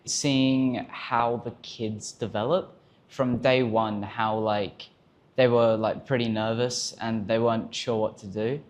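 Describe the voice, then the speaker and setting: In a mid-range, steady voice, a young Australian man who works as a camp counsellor takes his time answering interview questions. His reflective, casual replies are sprinkled with fillers.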